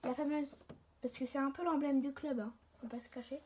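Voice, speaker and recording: With a warm, steady, high-pitched voice and a fairly quick pace, a young woman rambles through her toy collection in a homemade vlog. This hobby creator is casual yet hesitant, often breaking off mid-thought, and uses colloquial, mildly sweary words. It's a phone recording, tripod or handheld, with clear background noise.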